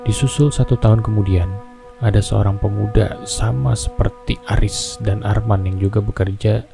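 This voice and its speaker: Guy reading scary stories, kinda low n gravelly, chatty, music behind him. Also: steady tone, moderate pace. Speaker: host reading horror stories. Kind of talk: casual horror storytelling, reading aloud with asides. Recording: music bed under the voice. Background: background music.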